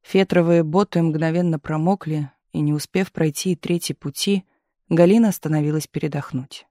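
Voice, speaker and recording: A man reading a novel aloud in an even, measured narrating voice. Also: a little high, dry recording, studio quality. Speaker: audiobook reader. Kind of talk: scripted narration.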